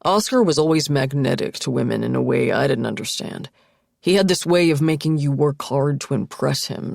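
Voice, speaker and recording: A woman voicing a calm, friendly middle-aged man on the phone, talking in a soft, reflective way. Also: low-pitched, gravelly, no room sound, studio quality.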